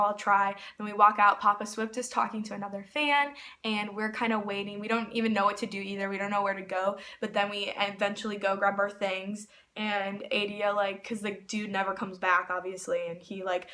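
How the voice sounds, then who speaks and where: Bright-voiced excitable young woman rambling. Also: medium pitch. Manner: rambling, excitable, heavy use of "like". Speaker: vlogger. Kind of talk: casual storytelling.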